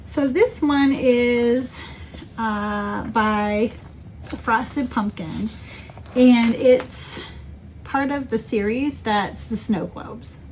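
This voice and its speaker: A woman's voice: fairly high pitch, very slow, a little mellow, slight background noise. A woman in casual chat as a crafting vlogger, rambling and correcting herself with many ums. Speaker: cross-stitch vlogger.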